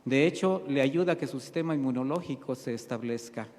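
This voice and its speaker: A man's voice: medium pitch, fairly quick, a little mellow, in a large hall. A man preaching a sermon as pastor, asking his congregation questions and answering them himself, calling them brothers. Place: church hall.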